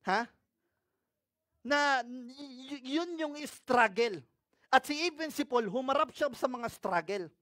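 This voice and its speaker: A man with a Filipino accent preaching a sermon in a mix of two languages, reading scripture aloud and often asking his congregation questions, swinging between loud and hushed. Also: extremely high pitch, lively intonation, takes it slowly, no echo, clean studio sound.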